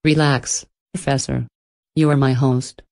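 A woman voicing an ancient, cultured and menacing entity in a storybook reading, speaking in an even, measured, softly spoken way. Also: very deep voice, gravelly, full character voice. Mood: menacing, amused.

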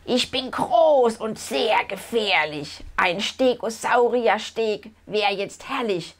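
A big, grumpy young male dinosaur from a children's picture book, played by a woman. He growls and huffs in a gruff, impatient way, pitched a touch high and drawn out slowly. His voice rises and falls with lively swings.

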